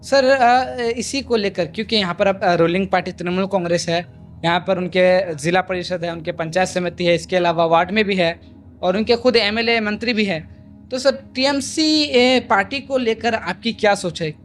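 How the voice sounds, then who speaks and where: A man interviewing a politician, polite, calling him sir and pausing with many hesitations. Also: high-pitched, a bit bright, faint music behind. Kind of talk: interview questions.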